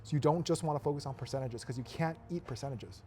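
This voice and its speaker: A man's voice: a little high, fast, dark tone, a little hiss or hum. A man, a real estate investor, talking emphatically in a casual podcast conversation, repeating his points for effect.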